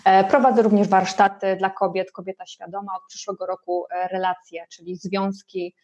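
A woman talks as an invited guest on a podcast. Her pitch is average for a female voice, and she answers in an everyday conversational style. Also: little pitch movement, normal speed, darkish tone, highs cut off. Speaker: podcast guest, workshop leader.

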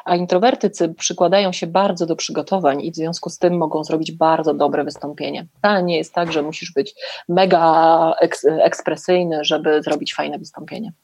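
Middle-aged woman, low voice, explaining directly. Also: fairly even intonation, normal speed, darkish tone, husky, no echo. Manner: explanatory, direct, self-correcting. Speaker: podcast guest, public speaking coach. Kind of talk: conversational advice in an interview.

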